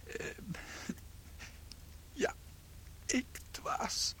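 Playing a shrunken, cheating husband in a radio drama, a woman uses a high, husky voice with a sharp edge and drawn-out words. The delivery is theatrical, anxious and guilt-ridden, with a remorseful mood.

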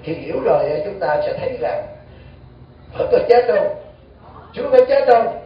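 A Buddhist monk giving an animated storytelling sermon, full of rhetorical questions. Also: male voice, sits high, normal speed. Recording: echoey hall, distant dull mic.

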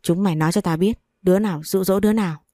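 A woman's voice: on the low side, rapid-fire, dark tone, no room sound, clean studio sound, lightly acted. A woman voicing a furious, betrayed wife who curses and scolds harshly.

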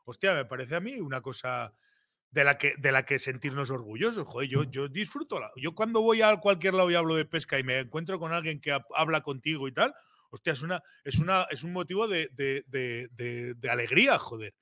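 A man's voice: on the high side, fairly quick, dry recording, studio quality. A man hosting a podcast chat, telling stories and swearing freely. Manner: swears freely, animated storytelling. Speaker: podcast host, fishing guide. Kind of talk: casual chat.

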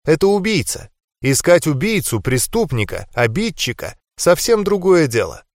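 A composed young goddess speaks in a calm, measured, softly serious voice, as a male audiobook reader lifts his pitch to play her. Her lines sit noticeably higher than his own plain narration. The dry recording has no room sound around it. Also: dry recording. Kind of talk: audiobook character reading.

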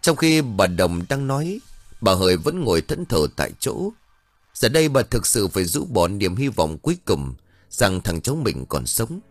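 Low-voiced male narrator for a ghost story, dramatic and animated. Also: moderate pace, dry recording, soft background music.

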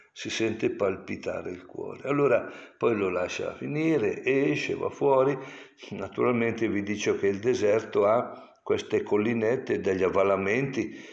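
Older male priest, low gravelly voice, unhurried explanatory sermon with stern warnings, dull lo-fi tape. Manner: explanatory, digressive, sternly admonishing. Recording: dull lo-fi recording.

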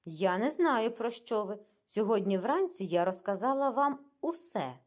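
A woman's voice: a little high, lively intonation, moderate pace, pitched above the performer's own voice. A woman reading the lines of a guarded young woman who answers sharply and defensively.

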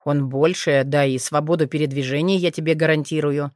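A woman voicing a calm, confident male dragon shifter who speaks steadily with a dry, slightly mocking manner. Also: deep voice, fairly quick, no room sound, close to an everyday voice. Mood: assured.

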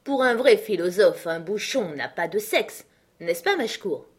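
A woman's voice: medium pitch, lively intonation, measured pace, husky. A woman reader voicing a carefree, swaggering young man who answers his sister with mock politeness. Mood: mock-polite, airy. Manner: airy, mock-polite, sing-song.

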